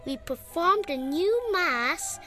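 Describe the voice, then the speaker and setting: A woman's voice: very high voice, animated, slow pace, sharp tone, faint music behind, voice pushed up, full character voice. A woman voicing a cheerful, proud young male composer telling his own story for an audio guide.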